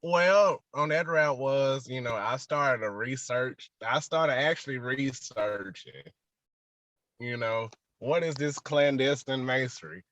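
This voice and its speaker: A man telling his life story as an interview guest, animated and laughing, checking in often with his listener. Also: on the high side, dry recording, lo-fi sound. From Southern United States. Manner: animated, laughing storyteller with frequent "you hear me". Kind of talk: casual storytelling.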